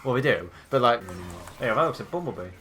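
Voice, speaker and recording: A man's voice: medium pitch, sing-song, fast talker, fairly bright tone, faint music behind. A young man hosting casual gameplay commentary, joking and laughing often as he plays. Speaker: gaming channel host.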